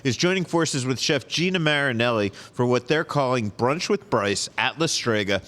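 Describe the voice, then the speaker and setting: A man's voice: medium pitch, animated, moderate pace, fairly bright tone, in a large hall. A man hosting a podcast, talking casually between bites and introducing the next segment. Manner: casual, talking while eating. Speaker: podcast host.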